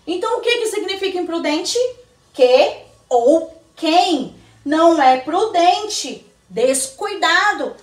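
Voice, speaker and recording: A woman teacher with a Brazilian Portuguese accent giving a recorded lesson to young children, slowly asking questions and answering them herself. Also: very high-pitched, expressive, a little mellow, distant mic. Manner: slow, sing-song teacher talk, answers her own questions. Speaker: primary school teacher. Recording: echoey room, slightly off-mic.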